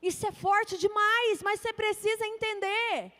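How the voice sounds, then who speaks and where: High-voiced woman preaching in a hall. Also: fairly even intonation, measured pace, sharp tone. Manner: conversational, addresses the women as sisters, call-and-response. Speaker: preacher at a women's ministry. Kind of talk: sermon. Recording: long reverb of a church hall.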